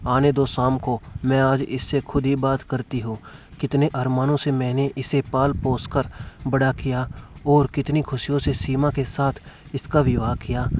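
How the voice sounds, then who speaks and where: A man's voice: medium pitch, background noise, close to an everyday voice. A man voicing a worried old mother-in-law. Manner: anxious, pleading, motherly.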